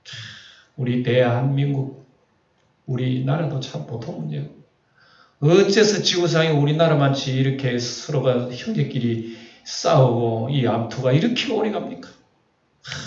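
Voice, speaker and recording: A man preaching a sermon as a pastor, lively and colloquial, with rhetorical questions. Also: mid-range voice, unhurried, reverberant, far from the mic. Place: church sanctuary.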